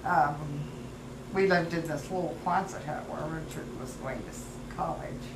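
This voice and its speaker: An elderly woman, a grandmother, tells family stories in a low voice at a moderate pace. Recalling the past as an elder, she's casual, rambling and anecdotal, and the home recording is roomy and clearly noisy.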